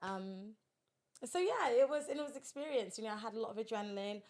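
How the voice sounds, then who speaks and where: Woman, podcast guest, somewhat high voice, direct and earnest storyteller. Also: lively intonation, fairly quick, a little mellow, a little hiss or hum. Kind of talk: casual podcast conversation.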